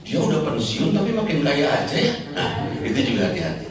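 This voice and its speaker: A man's voice: a little high, wildly swooping pitch, a little fast. A man preaching a humorous sermon, telling jokey stories and asking the congregation rhetorical questions. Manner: joking storyteller, rhetorical questions. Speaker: Islamic preacher. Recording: echoey hall, distant mic, crowd. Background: audience laughter.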